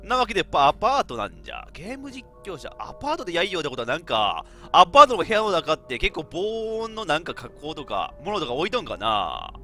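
A man's voice: on the high side, fast, few pauses, soft background music. A man with a giving chatty, laughing let's-play commentary as a game streamer. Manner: animated, chatty, laughs often, talks to himself.

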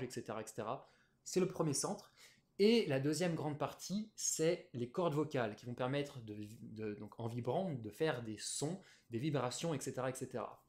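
A man's voice: mid-range voice, a little mellow. A man teaching a Japanese lesson on a live stream, explaining patiently with many fillers.

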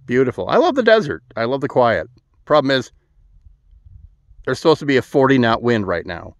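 Man, middle-aged, sarcastic vlog, dry deadpan jokes, lots of uh fillers, phone at arm's length outdoors, dry sound. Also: mid-range voice, fairly quick, dry recording. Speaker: vlogger. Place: outdoors at a desert wind farm. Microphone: phone held at arm's length.

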